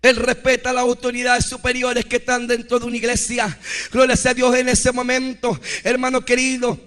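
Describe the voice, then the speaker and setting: A man giving an impassioned religious testimony, often rising into shouts and interjecting praises as he speaks. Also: very high voice, completely flat delivery, normal speed. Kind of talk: fervent spoken testimony.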